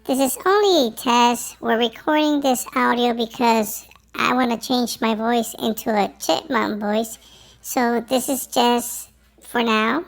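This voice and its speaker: A man reading a short test recording, with his voice pitch-shifted up ten semitones into a chipmunk voice. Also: gravelly, fairly bright tone, exaggerated voice. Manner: slow, plain reading of a short test script.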